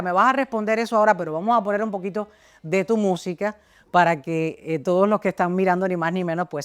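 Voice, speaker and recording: Spanish-language talk show host woman. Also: mid-range voice. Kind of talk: interviewing guests on a talk show.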